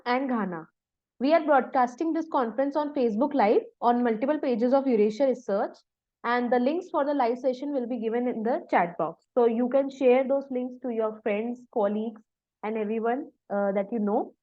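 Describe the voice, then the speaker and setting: A woman with a fairly high voice hosts an online conference. She reads a formal welcome politely over a video call. The audio sounds dull and lo-fi. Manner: polite, repeats thanks and okays. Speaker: conference host.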